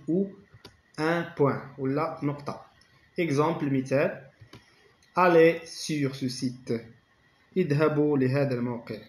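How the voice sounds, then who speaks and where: Moroccan man teaching French grammar, echoey. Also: fairly high pitch. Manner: slow dictation-like French, rapid Darija explanations. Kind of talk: bilingual grammar lesson. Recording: echoey room.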